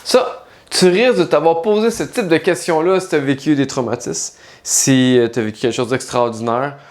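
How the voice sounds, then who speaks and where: A man's voice: fairly high pitch, moderate pace. A man, a life coach and spiritual guide, speaking in a casual direct-to-camera monologue, talking straight to the listener and asking many rhetorical questions.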